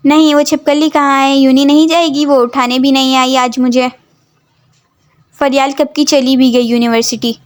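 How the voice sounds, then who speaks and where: A woman's voice: sits high, flat delivery, normal speed, lightly acted. A woman voicing a cheeky young male university student who teases and pesters. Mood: teasing.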